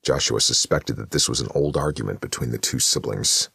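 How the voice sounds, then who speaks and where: A man narrating an audiobook in a measured storytelling manner. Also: extremely low pitch, vocal fry, sharp tone, husky, no echo. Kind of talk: scripted narration.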